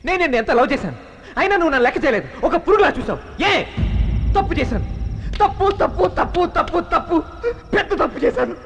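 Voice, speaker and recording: An intense, lovestruck young hero. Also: male voice, very high voice, big pitch swings, fast, fairly bright tone, a little hiss or hum, exaggerated voice. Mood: devoted. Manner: emotional and pleading, swinging to bravado. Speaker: film hero. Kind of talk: film dubbing. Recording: film soundtrack with music score.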